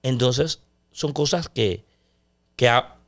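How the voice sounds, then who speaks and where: A middle-aged man, a sports commentator talking loudly and intensely in a casual interview. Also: medium pitch, slow pace. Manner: loud, intense delivery.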